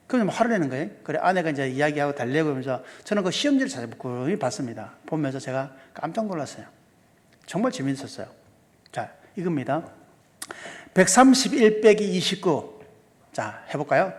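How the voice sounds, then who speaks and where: A male pastor giving a seminar sermon, asking the congregation questions and walking through sums step by step. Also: high-pitched. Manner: asks the congregation many questions. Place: church sanctuary. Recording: long hall reverb.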